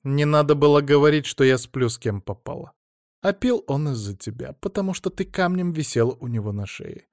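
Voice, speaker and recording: A man's voice: a little high, lively intonation, fairly quick, darkish tone, no echo, studio quality, voice pushed up. A man reading an audiobook, voicing a cold, curt middle-aged woman with a scornful manner.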